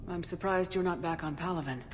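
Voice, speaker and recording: A woman playing a steady, resolute military commander in a video game, with a restrained, sincere delivery. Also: lowish voice, fairly quick, background noise, natural voice. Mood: composed. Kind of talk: video game dramatic acting.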